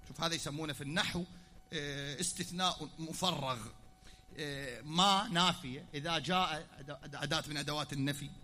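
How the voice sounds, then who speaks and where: Iraqi male preacher at a pulpit, high and very bright voice, teacherly sermon that swings to loud declaiming. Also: a little fast. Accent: Iraqi Arabic. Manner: explanatory, swings from quiet asides to loud declaiming. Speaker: preacher at a mourning gathering. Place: pulpit in a hall.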